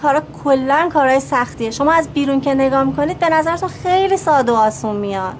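An actress playing a trader's wife who patiently explains away the delays. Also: female voice, sits high, a little hiss or hum, lightly acted. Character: trader's wife backing up his excuses.

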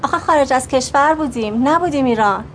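An actress playing a trader's wife who patiently explains away the delays. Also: female voice, high-pitched, expressive, slight background noise. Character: trader's wife backing up his excuses.

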